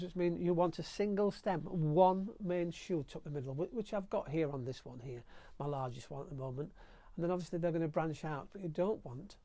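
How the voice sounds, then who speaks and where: Yorkshire bloke vlogging from his allotment, chatty and giddy, bit high voiced, clip mic outdoors. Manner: chatty, excitable, talks to the camera. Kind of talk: casual gardening vlog. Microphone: clip-on mic with lead.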